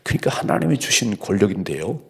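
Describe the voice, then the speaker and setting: A man's voice: fairly low pitch, very animated, fast, vocal fry. A male pastor giving an early-morning sermon, reading scripture aloud and preaching in a conversational way full of rhetorical questions. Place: church.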